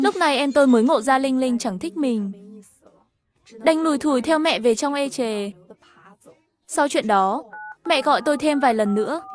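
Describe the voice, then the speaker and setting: Over animation, a woman tells a story in the first person, voicing all the characters on her own. Her delivery is even, and her voice sits high.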